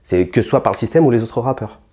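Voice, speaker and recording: A mellow, animated male voice moves quickly as the young French rapper responds to interview questions, provocative and blunt, restarting often and using many fillers. When he gets worked up, he grows louder and higher.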